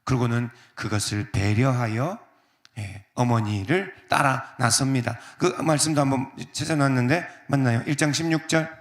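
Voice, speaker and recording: A male pastor preaching a sermon, talking in a conversational way with many fillers and softly acting out quoted lines. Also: mid-range voice, moderate pace. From South Korea. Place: church sanctuary. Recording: echoey church sanctuary.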